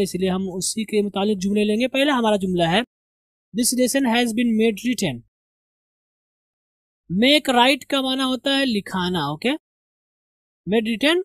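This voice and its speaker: A man's voice: sits high, no room sound, poor audio. Indian man drilling English pronunciation. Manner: repeats words slowly to drill pronunciation. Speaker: English teacher. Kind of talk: language lesson.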